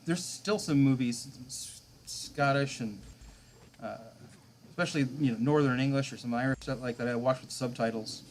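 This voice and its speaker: A man's voice: mid-range voice, moderate pace, a little hiss or hum. A man in his thirties, a game streamer, chatting casually with his viewers late at night, chuckling often as he answers chat.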